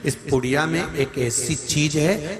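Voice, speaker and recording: A man voicing a sly old guru who teases the people around him in a low, amused drawl, heard in an echoey space with music playing. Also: slow pace. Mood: teasing. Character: sly old male guru, teasing and calm.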